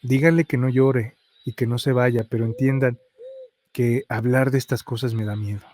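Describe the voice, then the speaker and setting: A man's voice: mid-range voice, steady tone, normal speed, darkish tone, lightly acted. A man reading the lines of a frightened young woman police officer, nervous and pleading. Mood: scared.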